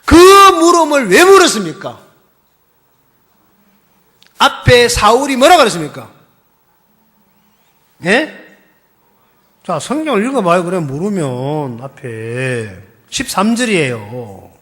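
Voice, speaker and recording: Fiery male pastor, high and lively. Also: slow pace, long pauses. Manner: fiery, swinging between shouts and hushed whispers; quizzes the congregation. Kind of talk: sermon.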